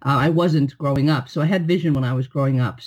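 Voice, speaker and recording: A woman's voice: very deep voice, fast talker, a little mellow, husky. A woman from New York, a poet, answering interview questions in a reflective, friendly way. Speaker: poet and author, guest.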